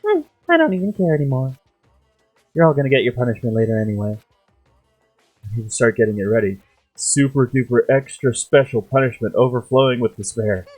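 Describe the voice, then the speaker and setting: A woman's voice: very deep voice, sing-song, brisk, a little mellow, breathy edge, soft background music, exaggerated voice. A woman voicing a gleeful, mischievous male robot bear headmaster who makes puns and gloats in a sing-song way, read aloud from a game. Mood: gloating.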